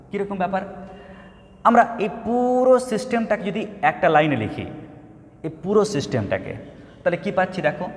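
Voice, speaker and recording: Male math tutor, high and lively voice, lecture style, echoey room with long reverb. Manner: asks frequent check-in questions, repeats words for emphasis. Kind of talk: classroom lecture.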